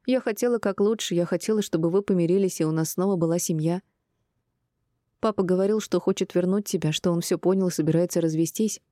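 A woman's voice: fairly low pitch, quick pace, mellow, no room sound, clean studio sound, natural voice. A woman voicing an emotional grown daughter who pleads and defends herself through tears. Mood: pleading. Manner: pleading, tearful.

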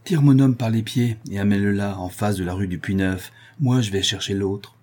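A man's voice: fairly low pitch, moderate pace, close to an everyday voice. Man doing a cool, sardonic artisan. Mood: sardonic calm. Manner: sardonic, calm. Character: cunning, cool-headed male artisan.

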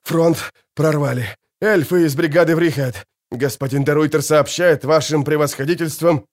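A man's voice: fairly high pitch, fairly even intonation, moderate pace, close to an everyday voice. A man doing a blunt second messenger. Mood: grim. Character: second male battlefield messenger, grim.

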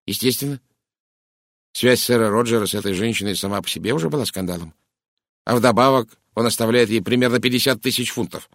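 A man's voice: medium pitch, quick pace, a bit bright, no room sound, clean studio sound, lightly acted. Man reading a curt, blunt spinster. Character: stern brusque middle-aged English spinster. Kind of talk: audiobook character reading.

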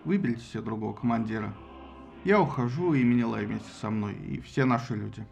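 A man's voice: medium pitch, quick pace, vocal fry, a little mellow, faint music behind, pitched below the performer's own voice. Agamemnon, a man doing a tired defeated commander. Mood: resigned. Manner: tired, resigned.

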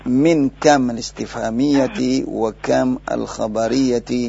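Indonesian guy teaching arabic grammar, really gravelly voice, dull lo-fi radio sound. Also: medium pitch, fairly even intonation, slow, a crowd in the background. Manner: patient, explains and quizzes the student step by step. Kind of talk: live recorded Arabic lesson taught in Indonesian. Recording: dull lo-fi radio broadcast with faint hiss.

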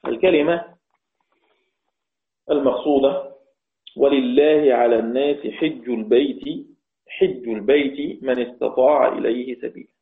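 A man with an Egyptian accent teaching the variant Quran readings, repeating each phrase and chanting the quoted verses slowly. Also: mid-range voice. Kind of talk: religious lesson explaining readings. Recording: echoey, tinny phone-like sound.

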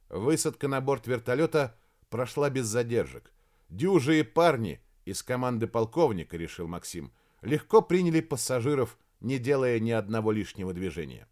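Lively male audiobook narrator. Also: medium pitch. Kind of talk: scripted narration.

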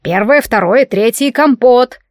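A woman's voice: a little high, moderate pace, no room sound, clean studio sound, pitched above the performer's own voice, natural voice. A woman voicing a sarcastic male talking wardrobe, a familiar who teases and grumbles dramatically. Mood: teasing.

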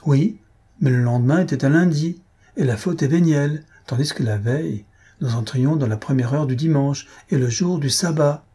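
A man's voice: fairly high pitch, normal speed, mellow, breathy edge. A man voicing a prim, devout young Englishwoman in a storybook reading, speaking earnestly. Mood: prim scolding.

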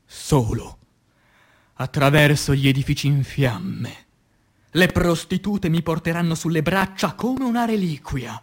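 With a slightly high voice and lively intonation, a man recites poetry intensely and declamatorily over background music. He pauses for drama and shifts between hushed and forceful passages.

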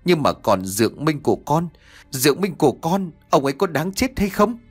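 A tearful middle-aged mother pleads and confesses to her son in an audio story, as a male narrator puts her on. The voice is husky with lively rises. Faint music plays behind. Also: on the high side, normal speed, voice pushed up. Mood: pleading.

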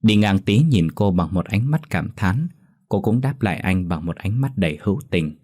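A man narrating a story in a steady, measured way. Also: fairly low pitch, slightly rough, no echo, studio quality.

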